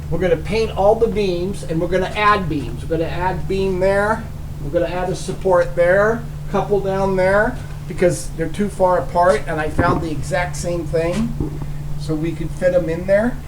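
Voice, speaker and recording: A man's voice: sits high, moderate pace. A folksy, down-to-earth man talking casually as he works on a house repair outdoors. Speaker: home repair vlogger. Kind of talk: casual on-site vlog narration. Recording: outdoor noise behind the voice.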